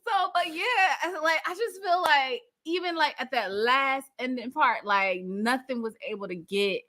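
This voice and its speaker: A woman co-hosting a casual recap chat, animated and laughing often as she reads comments from the live chat aloud. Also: sits high, a little slow. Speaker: co-host of a reality TV recap channel.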